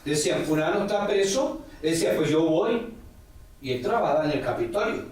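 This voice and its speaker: Animated and a little fast, a forties-aged religious elder answers interview questions in long rambling tales laced with quoted talk and "ujú" fillers, his voice a little high. The mic is distant in an echoey room, off-axis, with crowd noise and faint background.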